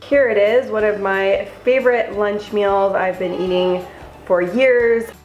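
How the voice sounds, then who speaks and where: A woman's voice: mid-range voice, steady tone, measured pace, a little mellow, echoey room, lo-fi sound, faint music behind. A young woman vlogger talking through her cooking steps in a chatty, upbeat voice-over. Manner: upbeat, chatty, step-by-step instructions. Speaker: lifestyle vlogger. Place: home kitchen.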